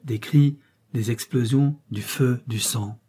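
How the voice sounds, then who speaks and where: A man reads an adventure novel aloud in a measured, expressive way. His voice is very dark and noticeably husky. His pitch sits at a middling level for a man. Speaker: audiobook narrator. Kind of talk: scripted narration of an adventure novel.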